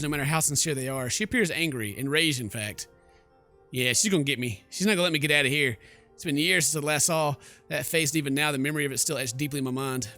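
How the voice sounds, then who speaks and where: Over game music, a male let's play host performs the game's narration dramatically, then breaks off for slangy, joking comments. His medium-pitched voice sounds pushed and bright.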